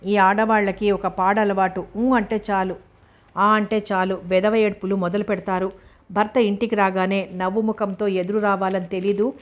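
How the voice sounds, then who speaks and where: A woman voicing a young husband who scolds with scorn in a novel reading, in her own flat voice. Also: medium pitch, moderate pace, highs cut off, lightly acted. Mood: scornful.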